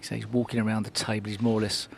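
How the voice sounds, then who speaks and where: Male snooker commentator, fairly low pitch, measured and analytical, faint background noise. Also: flat delivery, creaky.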